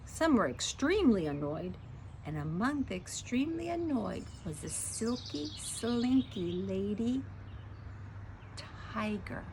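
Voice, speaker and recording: A woman's voice: a little high, sing-song, takes it slowly, a little mellow, a little hiss or hum. A woman reading a children's story aloud, playful, stretching dramatic words and asking the listener questions.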